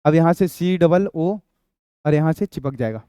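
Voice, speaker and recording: बिहारी लहजे वाला चंचल रसायन शिक्षक. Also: male voice, a little high, normal speed, dark tone, clear, resonant tone, no room sound. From Bihar. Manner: playful, banters with imagined students, sings a snatch. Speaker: chemistry teacher. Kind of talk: exam-prep lecture.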